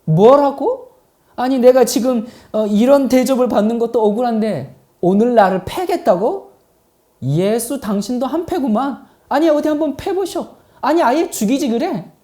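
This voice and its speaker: A man preaching who acts out an indignant grown older son, shouting his protests at his father. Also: very high-pitched, expressive, normal speed. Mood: defiant.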